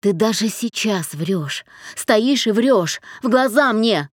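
A woman's voice: lively intonation, dry recording, clean studio sound. A woman voicing a distraught young adult daughter who accuses her father and breaks into sobs, in an audiobook. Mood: accusing. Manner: shrill, rapid, breaking into sobs.

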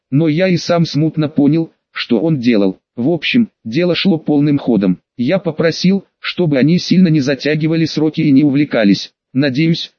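A man narrating a first-person fantasy audiobook in a measured, wry, conversational way. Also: fairly high pitch, no echo. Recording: dull dry recording.

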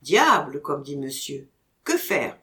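A woman's voice: a bass voice, big pitch swings, takes it slowly, bright, forceful tone, voice pushed down, exaggerated voice. A woman reading a storybook audiobook, voicing a meek, eager young male servant who answers humbly. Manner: humble, deferential replies.

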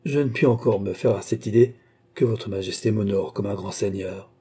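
A man's voice: on the low side, moderate pace, warm tone, husky. Man playing an earnest young soldier. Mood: earnest, grave. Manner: restrained, serious.

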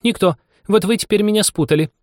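A man reading a Russian storybook aloud and voicing a touchy, easily offended mouse in a high, indignant voice. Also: expressive, moderate pace, fairly bright tone, no room sound, clean studio sound. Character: touchy long-winded mouse, quick to take offense.

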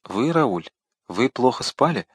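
A man reading the part of a noble older count who speaks gently and kindly to his ward. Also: mid-range voice, big pitch swings, takes it slowly, breathy edge, no room sound, studio quality, exaggerated voice. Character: noble older male count, calm and fatherly.

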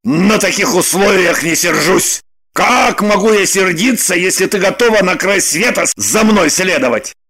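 A woman voicing an angry, scheming young man in an audiobook, with gruff, scornful shouting. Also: on the low side, lively intonation, normal speed, full character voice. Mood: wary. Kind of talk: audiobook narration with voiced characters.

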